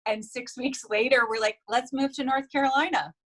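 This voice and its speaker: A woman in her forties from the United States tells her life story as a guest in a casual, animated interview. Her voice sits high and she speaks at a moderate pace.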